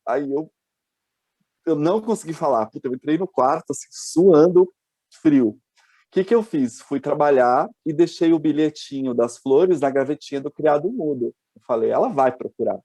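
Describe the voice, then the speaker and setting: A man's voice: a little high, normal speed, dark tone, dry recording. A male host, telling stories in casual chat and often restarting his sentences. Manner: chatty, hesitant restarts. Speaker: podcast host.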